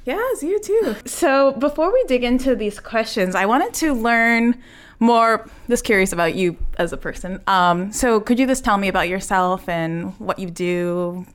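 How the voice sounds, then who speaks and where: A woman's voice: mid-range voice, unhurried, clean tone. A woman hosting a podcast interview in a casual, informal, chatty style. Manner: informal, reacts with short interjections. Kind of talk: casual chat.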